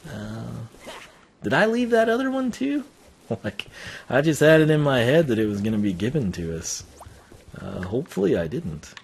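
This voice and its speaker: A man's voice: mid-range voice, sing-song, moderate pace, gravelly, slightly rough. A man giving casual, rambling live game commentary as a streamer, thinking aloud in slangy speech.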